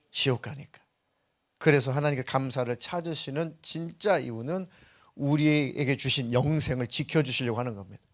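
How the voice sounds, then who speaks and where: A male pastor preaching a Sunday sermon in a church, emphatic and full of rhetorical questions. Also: mid-range voice. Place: church sanctuary.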